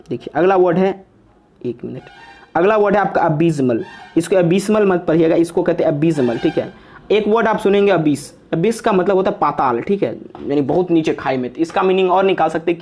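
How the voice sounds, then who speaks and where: Slightly high and a little mellow, this young man's voice guides a relaxed online English vocabulary lesson. He keeps it chatty and teasing, tacking "okay" onto almost every phrase.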